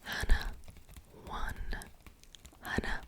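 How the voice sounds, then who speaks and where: In a gentle whisper, an ASMR creator from the Czech Republic teaches Korean, her Czech accent audible. She is young, and she goes over each word slowly, again and again.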